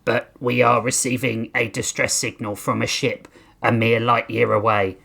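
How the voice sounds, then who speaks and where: A man's voice: medium pitch, flat delivery, moderate pace, vocal fry, fairly bright tone, breathy edge. Man reads a cheerful ship computer, formal and precise, in a comic audio story, plain voice. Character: cheerful polite male spaceship AI computer. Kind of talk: comedic story reading.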